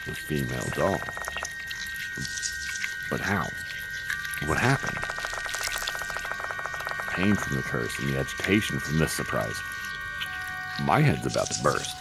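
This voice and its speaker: A woman performing a video game's text aloud in a theatrical, halting way, with casual commentary of her own. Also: extremely low pitch, sing-song, creaky, loud music behind the voice, poor audio. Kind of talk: dramatic game read-aloud with casual commentary.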